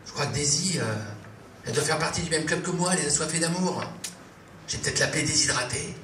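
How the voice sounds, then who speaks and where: A man telling a comic story live, in a playful, halting way, with many fillers. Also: a little high, sharp tone. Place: live venue. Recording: echoey room, distant mic, faint noise.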